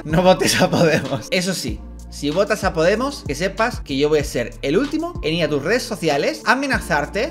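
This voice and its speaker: A man's voice: fairly high pitch, fairly bright tone. A man ranting scornfully in an opinion monologue to his viewers. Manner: scornful, insulting rant. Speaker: youtuber.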